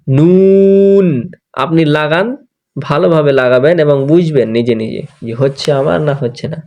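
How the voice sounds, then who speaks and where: A man teaching Quran pronunciation, patiently explaining where the tongue goes and repeating each letter sound slowly in drills. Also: on the high side, a little mellow, lo-fi sound. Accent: Bangladeshi Bengali. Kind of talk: online tajweed class recap.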